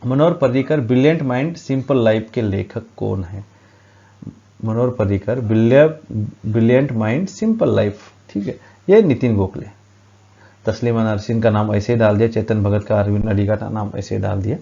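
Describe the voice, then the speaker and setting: At a board, a man works through quiz questions in an exam-prep current affairs lesson, pausing often with hesitant fillers. His lowish voice is mellow, dark, and gravelly, captured in a dull, lo-fi recording.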